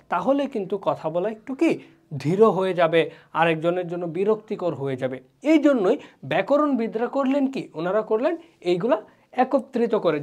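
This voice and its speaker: A young man in his twenties from Bangladesh teaching an online school class, explaining step by step and answering his own questions as he goes. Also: high voice. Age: young adult.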